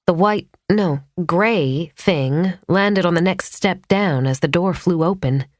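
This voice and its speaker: Woman narrator, low register, measured and tense, dry studio read. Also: no room sound. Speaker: audiobook narrator. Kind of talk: scripted narration.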